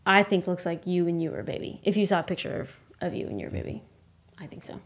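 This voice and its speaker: Chatty young mother, relaxed. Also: fairly low pitch, fast talker. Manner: relaxed, chatty, finishes partner's sentences. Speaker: co-host, new mother. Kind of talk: casual Q&A chat with partner.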